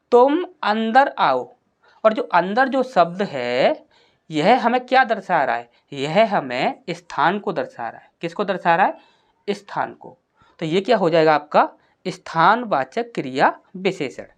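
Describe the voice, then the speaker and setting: Her fairly low-pitched voice carries a grammar lesson for exam prep, in which she raises questions, answers them herself, and reads example sentences slowly and carefully.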